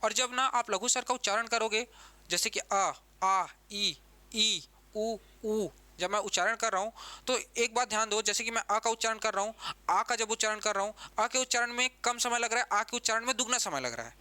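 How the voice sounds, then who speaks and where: A man's voice: sits high, fast, bright, forceful tone, clean tone. A man teaching an exam-prep grammar lesson, who repeats key terms and keeps asking the class questions.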